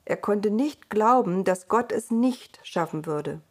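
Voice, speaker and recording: A woman reading a storybook aloud in a calm, unhurried way. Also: medium pitch. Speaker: narrator.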